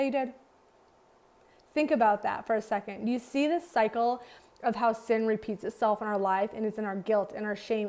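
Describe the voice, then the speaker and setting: A woman with a voice on the higher side teaches a Bible study group. She talks earnestly and right at her listeners, firing off rhetorical questions. She stacks repeated phrases one after another to drive each point home. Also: darkish tone. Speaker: Bible study leader and ministry founder.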